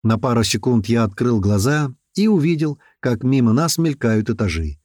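Male narrator, mid-pitched, dry close-mic read, lively character switches. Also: normal speed, no room sound. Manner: lively, raising pitch and shouting for quoted characters. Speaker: audiobook narrator. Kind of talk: first-person audiobook narration with character voices.

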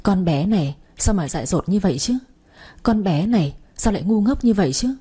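A woman's voice: mid-range voice, animated, a little fast, dark tone, breathy edge. A woman narrating a first-person dramatic story with emotional delivery.

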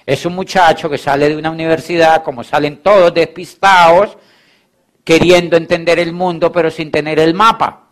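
A man's voice: a little high, moderate pace. A man giving a motivational talk on network marketing, telling stories with playful teasing and acting out both sides of the conversations. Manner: animated storytelling, acting out both sides of dialogues.

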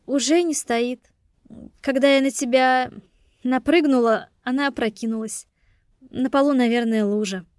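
A woman voicing a playful, lively young woman who frets easily. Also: high voice, dry recording, clean studio sound, pitched above the performer's own voice, natural voice. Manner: lively, playful, quick to worry.

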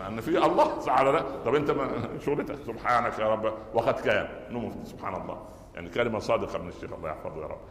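A middle-aged Egyptian man preaches at a quick clip, weaving stories and tossing rhetorical questions at his listeners. His voice rings through a large hall with a long, echoing tail. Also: fairly low pitch. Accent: Egyptian Arabic. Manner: storytelling, asks the audience rhetorical questions. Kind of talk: Friday sermon. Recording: echoey hall with long reverb.

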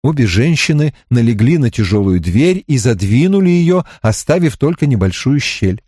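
A man narrating a novel as an audiobook in an expressive, measured reading. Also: medium pitch, slightly rough, dry recording, clean studio sound.

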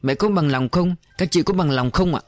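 A man's voice: a little high, normal speed, no echo, soft background music, pitched above the performer's own voice, natural voice. A man reading as an emotional young soldier son. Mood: earnest. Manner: earnest, emotional.

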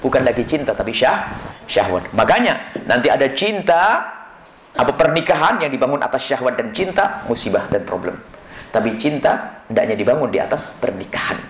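A man preaching a sermon on marriage, quick and animated, acting out little dialogues between spouses. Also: medium pitch. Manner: lively, quick preaching with acted-out quoted dialogues. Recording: echoey hall with faint noise.

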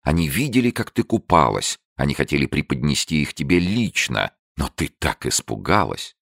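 A man reading an audiobook and voicing a brash young man who shows off his courage, bold and chivalrous, sharp when challenged. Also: a bass voice, big pitch swings, normal speed, vocal fry, slightly rough, no room sound, clean studio sound, exaggerated voice. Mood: gallant.

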